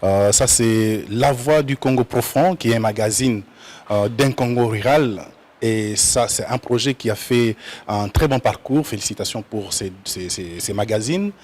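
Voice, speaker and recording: A man's voice: on the low side, a little slow, a little mellow. A man hosting a television studio interview, friendly and chatty, often stumbling over repeated words. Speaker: TV host.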